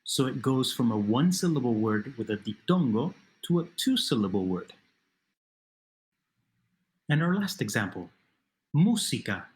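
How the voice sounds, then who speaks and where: A man narrating a video lesson as a Spanish teacher, posing questions to the learner and then patiently answering them himself. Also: medium pitch.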